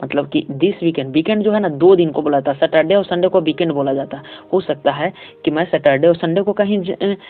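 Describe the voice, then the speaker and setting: A male English teacher walking students through an exam paper step by step, reading English sentences slowly and often checking in with his class. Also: fairly high pitch. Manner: reads English sentences slowly, then explains them. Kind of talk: exam paper walkthrough lesson. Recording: tinny phone-like audio.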